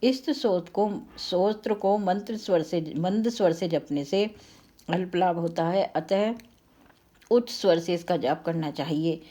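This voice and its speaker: A woman reciting devotional scripture in a slow, solemn, invocatory way, with repeated refrains and occasional self-corrections. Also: lowish voice, warm tone.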